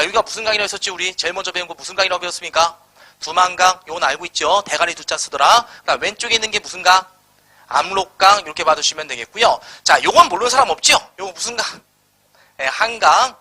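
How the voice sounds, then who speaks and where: A man's voice: high voice, sharp tone. A man teaching a live history class, firing rhetorical questions at his students and answering them himself in casual, slangy speech. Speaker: Korean history lecturer.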